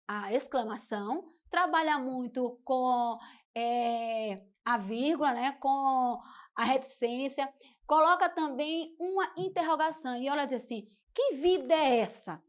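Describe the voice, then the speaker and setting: A woman's voice: high voice, unhurried. A woman teacher giving a televised school lesson, explaining step by step and often saying "então" and "né". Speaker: Portuguese teacher.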